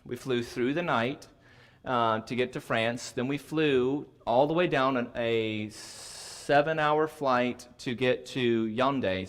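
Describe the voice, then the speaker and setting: A man's voice: mid-range voice, clear, resonant tone. Rambling man telling a travel story. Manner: rambling, animated, self-correcting. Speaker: church class speaker. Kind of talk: casual storytelling talk.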